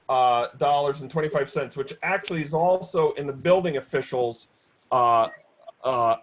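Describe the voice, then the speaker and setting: A man chairing a town board of finance meeting over a video call, speaking in a measured, steady way with frequent fillers. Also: on the high side, poor audio. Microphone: computer mic on a video call.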